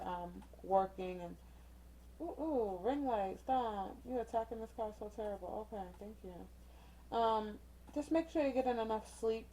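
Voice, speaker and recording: Under a ring light indoors, a tarot reader addresses her viewers directly during a casual oracle card reading, staying chatty and encouraging with slang, mild cussing substitutes and frequent "okay?" check-ins. Her voice is mid-range and mellow. The recording is rough, with slight background noise.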